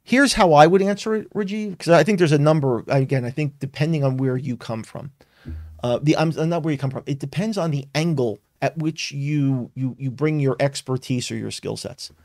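With a fairly high voice at a normal speed, a man leads a weekly live-streamed tech webinar. He talks with earnest emphasis, restarting often and leaning on fillers. The sound is clean studio audio with no room sound.

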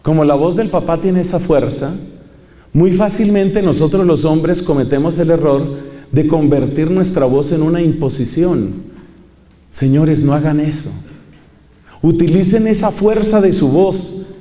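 A man's voice: fairly high pitch, measured pace, warm tone. A man preaching a sermon to a congregation, emphatic, repeating key phrases and putting questions to his listeners. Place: large church hall with congregation. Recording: long hall reverb.

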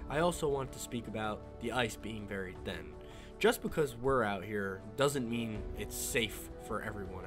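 Man narrating a fishing video over music. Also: lowish voice. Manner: relaxed, earnest, conversational.

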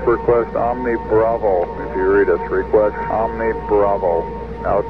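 A man's voice: fairly low pitch, steady tone, unhurried. A man calling out formal, clipped radio procedure with hesitations as a mission controller, heard over a crackly space radio transmission. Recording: dull lo-fi archival radio with music behind.

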